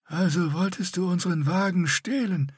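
A man voicing a young, scarred, one-eyed male warrior with a grating, raspy voice and a curt, threatening manner. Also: high-pitched, normal speed, dry recording, studio quality, pitched above the performer's own voice. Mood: menacing.

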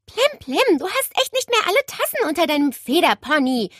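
A woman's voice: very high-pitched, sing-song, measured pace, no echo, studio quality, pitched above the performer's own voice, heavily acted. A woman voicing an indignant young girl in a children's storybook. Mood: cross scolding. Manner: indignant, scolding.

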